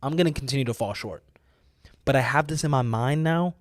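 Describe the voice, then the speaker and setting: Brisk and medium-pitched, this American man delivers casual motivational preaching, pressing his point hard and repeating phrases to drive it home, with youthful slang mixed in. The studio-quality recording has no echo.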